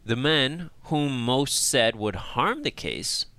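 A man hosting a discussion show, telling a story in a calm, measured way and then talking with his guests. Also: mid-range voice, no echo. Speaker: host. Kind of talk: scripted narration and discussion hosting.

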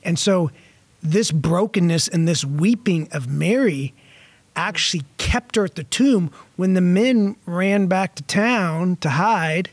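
Casting: man, higher pitch, earnest reflective study member, dry close sound. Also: dry recording. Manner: earnest, slow and thoughtful. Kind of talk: reflective group discussion.

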